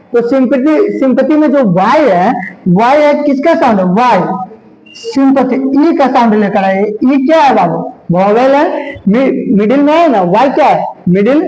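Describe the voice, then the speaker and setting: A male teacher talks in a very high voice, quizzing the class and answering himself. The room rings with echo. The recording sounds dull and lo-fi. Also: a little mellow. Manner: asks and answers his own questions, repeating key words. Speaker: English teacher. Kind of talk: classroom lesson in Hindi and English.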